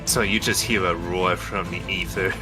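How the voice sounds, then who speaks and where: Male tabletop player, very low pitch, conversational, clear background music. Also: steady tone, moderate pace. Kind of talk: casual chat.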